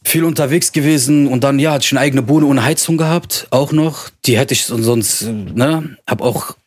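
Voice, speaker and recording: A man's voice: mid-range voice, moderate pace, no room sound, clean studio sound. A man, telling his story casually in colloquial street slang. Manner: colloquial street slang, addresses listeners as brother. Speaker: podcast co-host. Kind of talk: casual chat, personal storytelling.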